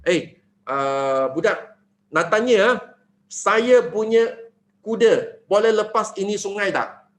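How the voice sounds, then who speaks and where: A man doing a loud, hot-tempered general. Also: sits high, animated, takes it slowly. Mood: asking. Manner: loud, demanding. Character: proud grown army general, hot-tempered.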